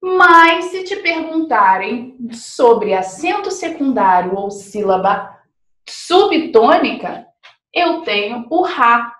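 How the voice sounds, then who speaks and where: A woman's voice: on the high side, sing-song, takes it slowly, hardly any pauses, a bit bright. A woman with a Brazilian Portuguese accent, teaching a grammar lesson and asking rhetorical questions as she explains. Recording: echoey room, from a distance.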